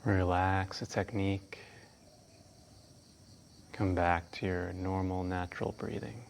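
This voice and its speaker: A man leading a guided breathwork meditation as instructor, speaking in a calm, hushed, unhurried way with long pauses. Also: low voice, gravelly, a little hiss or hum.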